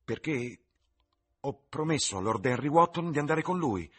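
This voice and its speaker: An eager, impressionable young man, as a male reader puts him on for a storybook reading. The voice sits well above the reader's deep register, husky and lively in pitch. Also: moderate pace.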